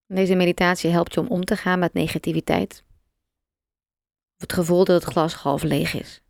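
In a low, gravelly voice, a woman guides a meditation, speaking slowly, softly, and calmly with long pauses. The recording is close and dry, with no echo.

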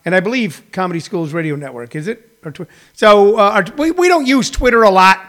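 A male host chatting casually to his listeners in a halting, digressive, self-deprecating way. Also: sits high, lively intonation, fairly bright tone. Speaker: host of a daily live streamed comedy radio show. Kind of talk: casual, rambling chat to listeners.

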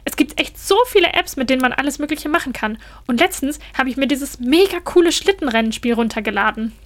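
A woman's voice: fairly high pitch, a little fast, fairly bright tone, natural voice. A woman voicing a cheerful, clever young male Christmas elf who talks in a breezy, boastful way. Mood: excited.

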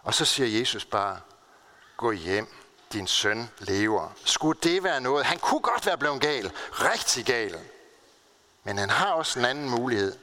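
A man's voice: sing-song, pushed and bright. A male pastor delivering a sermon, telling stories earnestly and stressing key words with big swings in his voice. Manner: earnest storytelling with emphatic pitch swings.

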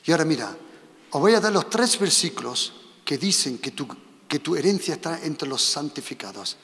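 A man from preaching a sermon, animated and repeating his instructions to the congregation. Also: fairly high pitch, moderate pace. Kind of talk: sermon with live demonstration. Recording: long reverb of a hall.

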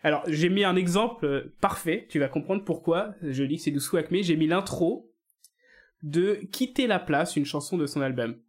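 A man's voice: fairly high pitch, animated, moderate pace. A man co-hosting a casual podcast chat, mocking and laughing often as he talks. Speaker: podcast co-host.

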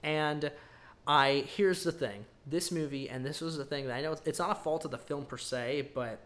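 A man's voice: on the high side, normal speed, a bit bright. A man co-hosting a podcast, giving a casual, rambling movie review full of ums and emphatic verdicts. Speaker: podcast co-host.

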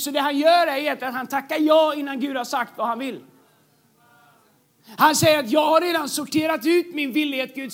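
High-voiced man preaching a sermon. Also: a bit bright. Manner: emphatic, repeats key phrases, jokes with the congregation. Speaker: pastor.

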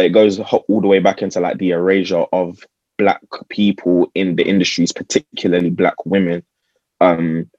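Deep-voiced London roadman, casual and slangy. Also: darkish tone, dry recording, muffled recording. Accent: London, roadman-style urban slang. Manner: slangy, punctuates points with tag questions. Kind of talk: casual group discussion.

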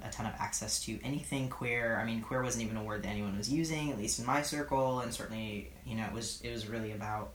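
A thoughtful man in his thirties, from California's East Bay, answering an interviewer slowly and with many pauses. The recording is roomy, with a faint hiss behind him. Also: fairly low pitch, fairly bright tone. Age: 30s. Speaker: oral history interviewee. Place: his apartment.

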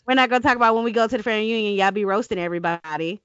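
A woman hosting a podcast in casual banter, with a squeaky, chipmunk-like voice and a feisty, sweary manner. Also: very fast, smooth, no room sound, muffled recording. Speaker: podcast host.

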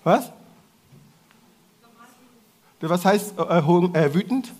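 A man preaching to a congregation in a lively way, talking directly to the audience with playful asides. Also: high voice, measured pace. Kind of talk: sermon to a congregation.

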